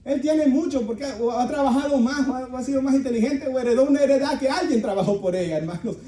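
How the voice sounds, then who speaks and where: A male pastor preaches earnestly to his congregation. His voice sits high but sounds dark and mellow. It is picked up from far away, in a roomy, echoing church. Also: fast talker. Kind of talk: sermon. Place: church hall. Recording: echoey room, voice from far off.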